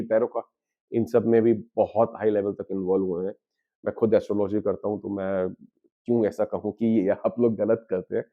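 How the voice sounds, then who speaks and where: Heard with phone-quality sound, a man with a voice on the low side gives an explanatory spiritual talk as an astrologer. Often he poses a question and then answers it himself, and he moves freely between Hindi and English, dropping English terms into his speech.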